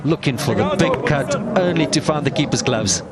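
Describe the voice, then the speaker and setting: A man's voice: medium pitch, animated, moderate pace, over loud music. A man giving live play-by-play cricket commentary. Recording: loud outdoor and vehicle noise.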